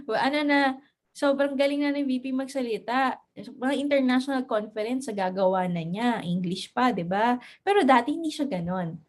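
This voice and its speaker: A woman coaches her team in a relaxed, motivational lesson. Her voice sits a little high, and she switches between languages easily. She laughs often and sometimes stumbles over her words. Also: moderate pace. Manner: mixes English into Filipino, laughs often, stammers. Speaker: network marketing mentor.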